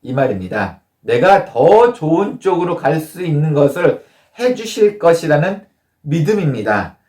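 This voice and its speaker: A male pastor delivers a storytelling sermon in a fairly high voice. He slips into quoted prayers and dialogue as he goes. The sound is roomy, with echo around him. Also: very animated, unhurried, darkish tone. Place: church.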